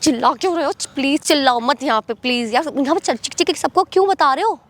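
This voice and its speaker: A young woman with a very high, piercing voice argues insistently and at a rapid clip. She scolds and pleads in one breath, outdoors by a street. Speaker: accused sister-in-law in a confrontation. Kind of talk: staged street confrontation.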